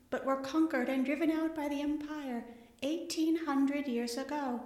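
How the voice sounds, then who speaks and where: A woman reading the part of a librarian giving a measured lecture to a hall in an audiobook. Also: high voice, darkish tone, pitched above the performer's own voice.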